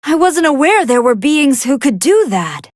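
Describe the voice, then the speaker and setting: A woman voicing a gentle, earnest young female android scientist who gives polite, precise fight commentary in a video game. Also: high voice, moderate pace, no room sound, clean studio sound. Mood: curious, earnest. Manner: polite, precise, analytical, expressive. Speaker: match commentator.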